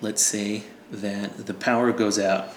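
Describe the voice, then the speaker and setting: A man narrates as game master, casual, laughing, loose and joking. His voice is lowish, level and slow, recorded in an echoey room with faint ambient noise.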